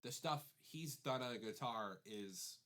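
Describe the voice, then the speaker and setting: A man's voice: medium pitch, expressive, a little slow, a bit bright. A man co-hosting a casual podcast, speaking with blunt opinions, many hesitations and playful pushback. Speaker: podcast co-host. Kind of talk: casual chat.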